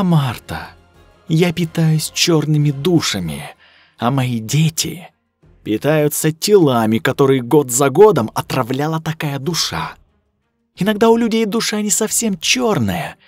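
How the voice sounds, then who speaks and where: A man's voice: a little high, sing-song, unhurried, no echo, faint music behind, voice pushed up. A man voicing a cruel, bored ancient female duchess monster with a drawling, sneering manner. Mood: gloating.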